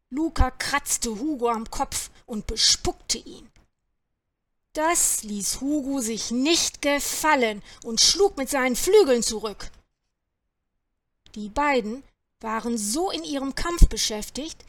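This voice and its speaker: Female storyteller, high voice, slow unhurried reading of a children's tale, dry close sound. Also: fairly bright tone, no room sound.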